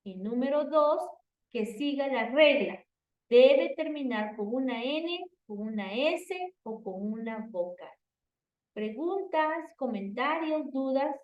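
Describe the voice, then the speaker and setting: A woman teacher giving an online grammar lesson, explaining slowly and repeating herself with many "entonces" and "por favor". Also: high-pitched, lively intonation. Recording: echoey, distant, dull online audio.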